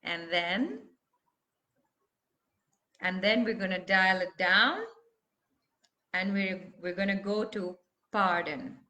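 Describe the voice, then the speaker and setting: A woman's voice: mid-range voice, takes it slowly, long pauses, bright, forceful tone. A woman leading a live online voice workshop, talking students through feelings and breaking into emotive vocal sounds. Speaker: voice teacher.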